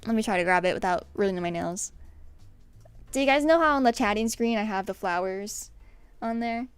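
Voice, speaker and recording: A young woman streamer chatting casually to her viewers, bubbly and excitable, often breaking into giggles. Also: medium pitch, moderate pace, clear, resonant tone, dry recording, faint music behind. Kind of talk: casual livestream chat.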